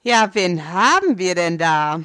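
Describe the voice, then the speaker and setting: A woman's voice: on the low side, sing-song, slow pace, fairly bright tone, full character voice. A woman voicing an aging man who taunts others with scorn. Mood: mocking. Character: aging man, mocking and sneering.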